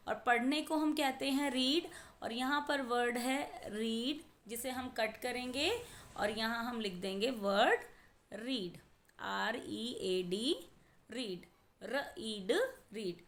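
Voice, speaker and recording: Slow-paced woman teaching young children. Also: high-pitched. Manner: sounds out letters and blends slowly; addresses pupils as children, gently instructive. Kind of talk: worksheet lesson for young children.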